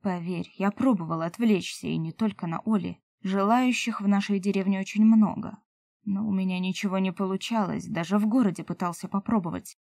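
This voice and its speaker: A woman reading an audiobook voices a young male elf lover who pleads softly and earnestly. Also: mid-range voice, steady tone, a little fast, vocal fry, no echo, clean studio sound, close to an everyday voice. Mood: pleading.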